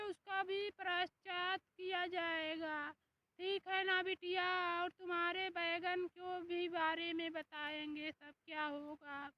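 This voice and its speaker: Woman playing a fussy vegetable mom, coaxing and scolding, very high, bright voice, slow talk. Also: muffled recording.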